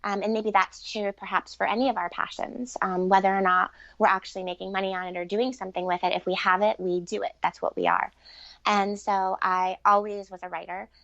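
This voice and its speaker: Speaking briskly with fairly even intonation, a middle-aged woman guests on a podcast as a relationship author and coach, giving earnest, reflective, casual answers. Her medium-pitched voice is fairly bright, with no room sound, though the audio is dull and lo-fi.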